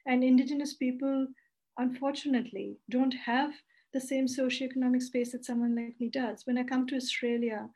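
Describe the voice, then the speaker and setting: A woman panelist gives a thoughtful, earnest answer in a fairly high voice. She speaks at length, with occasional fillers. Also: darkish tone. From India. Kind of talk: panel discussion.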